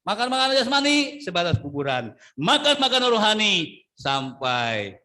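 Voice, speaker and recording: Animated preaching man, lively high voice. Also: moderate pace. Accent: Indonesian. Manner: animated, jokey, acts out little scenes, calls on congregation. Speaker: pastor. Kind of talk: lively sermon.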